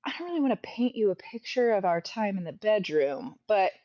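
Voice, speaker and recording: A hoarse woman frankly telling a personal story in casual conversation, coughing now and then. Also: mid-range voice, sing-song, a little fast, warm tone, no echo, highs cut off. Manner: frank, chatty, occasional coughs. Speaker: podcast guest sharing a personal story.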